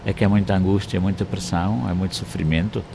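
Grave deep-voiced priest, gravelly tone. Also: male voice, steady tone, background noise. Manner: sorrowful, grave, measured. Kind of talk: interview answers.

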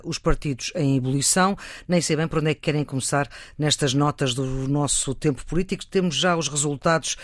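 A man's voice: a little high, no room sound, studio quality. Male radio host, European Portuguese. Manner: measured, scripted introductions. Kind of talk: radio talk show presenting.

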